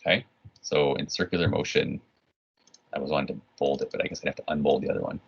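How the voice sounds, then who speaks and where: A Canadian man teaches physics online in a casual, rambling style, restarting often and asking "right?" to check in. His bass voice is gravelly with a breathy edge, fairly even in intonation and quick. The recording is dull and lo-fi.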